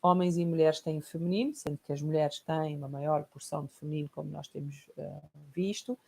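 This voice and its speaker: A European Portuguese woman with a slightly low voice gives a recorded online lesson. She explains her points reflectively and keeps checking in with her listeners through tag questions. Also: fairly even intonation, brisk, creaky, warm tone, breathy edge. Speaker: course teacher.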